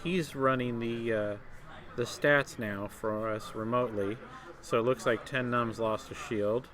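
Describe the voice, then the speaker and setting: This tournament commentator calls a tabletop miniatures game live, talking casually with fillers and restarts. His mid-range voice is fairly bright, his intonation fairly even, and his pace measured, giving a conversational but hesitant feel.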